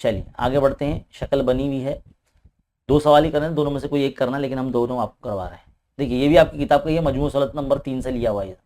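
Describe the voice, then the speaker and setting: A man with a dark, medium-pitched voice and fairly even intonation solves an exam paper quickly, step by step. He's a maths teacher with an Indian Urdu-speaking accent who keeps adding a questioning "hai na".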